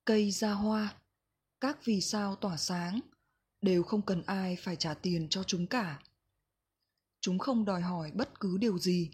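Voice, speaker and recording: A woman reading a reflective book passage aloud in a slow, gentle, measured way. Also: mid-range voice, husky. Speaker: book reader.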